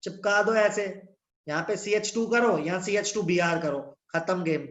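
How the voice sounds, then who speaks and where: A man's voice: sits high, normal speed, fairly bright tone. Man, chemistry teacher, online class, cave-like echo, blunt, teasing, muffled audio. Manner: blunt, teasing, scolds students. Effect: echoing voice, like in a cave. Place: his own room. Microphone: no earphones, device mic.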